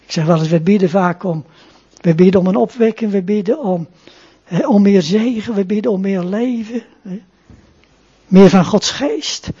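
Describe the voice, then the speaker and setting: A man's voice: sits high, moderate pace, mellow, husky, lo-fi sound. A man preaching a sermon and leading a closing prayer, earnest, often adding short tag questions.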